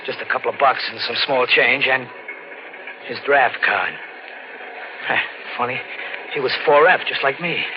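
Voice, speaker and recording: A man voices a guilt-ridden, frightened drifter with a record in a first-person 1940s radio thriller, his medium-pitched delivery close to an everyday voice. He sounds brooding, halting and anxious, repeating words and using street slang. Dramatic music and noise fill the background of this dull old radio recording.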